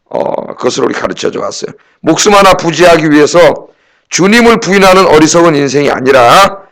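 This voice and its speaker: A man's voice: on the high side, fairly bright tone. A middle-aged man preaching a sermon as pastor, in a conversational way, firing rhetorical questions at the congregation and acting out quoted dialogue.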